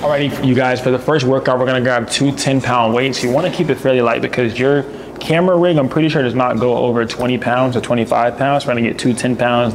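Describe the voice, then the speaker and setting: Young guy hyping up a workout vlog, slangy, counting reps, gym noise behind. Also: mid-range voice. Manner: hyped, slangy, coaching with rep counts. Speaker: photography vlogger and host. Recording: noisy gym ambience.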